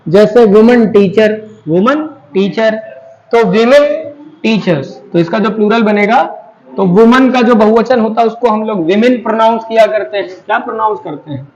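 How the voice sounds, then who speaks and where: A man's voice: high-pitched, moderate pace, a little mellow, muffled recording. A man teaching grammar in Hindi. He drills words by repeating them and asks students questions that he then answers. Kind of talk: classroom grammar lesson.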